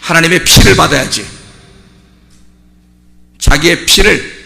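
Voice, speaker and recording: A man preaching a sermon as pastor. He asks the congregation rhetorical questions and swings from low, conversational asides to loud, high shouting. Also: measured pace, vocal fry, big-room sound.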